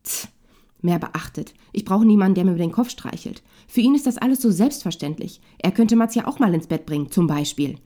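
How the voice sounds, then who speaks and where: A woman's voice: mid-range voice, fairly quick, close to an everyday voice. A woman voicing an angry, tearful young mother who speaks sharply with a rising, breaking voice. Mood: bitter. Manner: sharp, raised voice breaking into tears.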